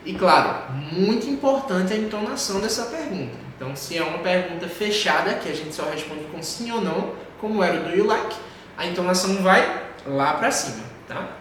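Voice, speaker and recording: A man's voice: high voice, animated, a little fast, fairly bright tone, a little hiss or hum. A man teaching an English class, patiently repeating and drilling pronunciation. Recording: very echoey room.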